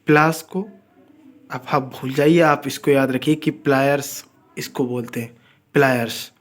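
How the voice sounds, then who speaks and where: A man teaching English in a casual spoken lesson, repeating words slowly and talking to viewers as friends. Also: medium pitch, steady tone. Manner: addresses viewers as friends, informal.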